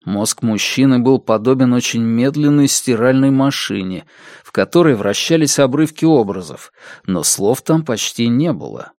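Male audiobook narrator, measured, mid pitch, dry close recording. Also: animated, darkish tone, dry recording. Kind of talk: scripted narration.

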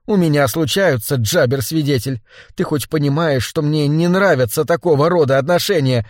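A man voicing a cold, proud woman scholar with clipped, even speech in an audiobook. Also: fairly high pitch, moderate pace, dry recording, studio quality, lightly acted.

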